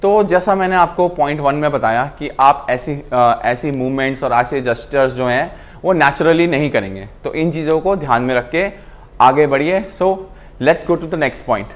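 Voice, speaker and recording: Man, acting coach, casual lesson to camera, slightly high voice, mixes in English. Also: a little slow. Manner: explains in Hindi mixed with English, with demonstrations.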